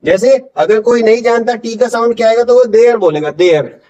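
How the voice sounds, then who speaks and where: Male pronunciation teacher, very high pitch, slow repeated drills, muffled lo-fi audio. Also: mellow. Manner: drills words by slow repetition; asks questions and answers them himself. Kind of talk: classroom-style lesson.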